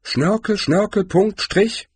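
A brisk, know-it-all young woman from a storybook, as a male reader puts her on, set well above his own voice. Her voice is a little husky and the sound is dry and close. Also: fairly high pitch, big pitch swings, no room sound, voice pushed up. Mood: puzzled. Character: young woman, practical and bossy.

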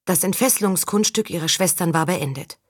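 Low-voiced woman reading a novel. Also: brisk, husky, no room sound, clean studio sound. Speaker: audiobook reader. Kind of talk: scripted narration.

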